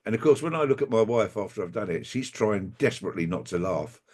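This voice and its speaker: Brief: male guest, slightly low pitch, halting and wry, remote call. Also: animated, a little mellow. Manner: halting, wry anecdotal storyteller. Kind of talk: conversational interview.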